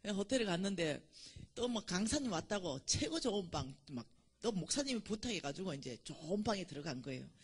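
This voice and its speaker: Here a woman with a mid-range voice talks fairly quickly, her pitch swinging widely as she tells humorous anecdotes in a church lecture. She's from Gyeongsang Province, South Korea, and keeps things chatty, laughing at her own punchlines.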